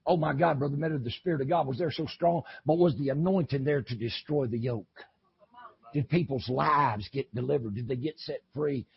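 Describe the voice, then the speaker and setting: A man preaching an impassioned sermon, swinging from shouting to low, intense talk. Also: brisk, gravelly, slightly rough, dull audio. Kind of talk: fiery sermon.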